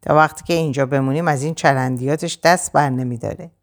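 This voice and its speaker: A woman's voice: deep voice, fairly even intonation. A woman voicing a young husband who answers his joking brother with light amusement. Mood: amused.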